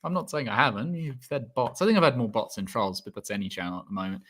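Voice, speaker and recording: Young Australian man, guest on a video call, hesitant and rambling, middle pitch. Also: fast talker, a bit bright. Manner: rambling, hesitant, restarts often. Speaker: guest physicist. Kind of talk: casual livestream chat.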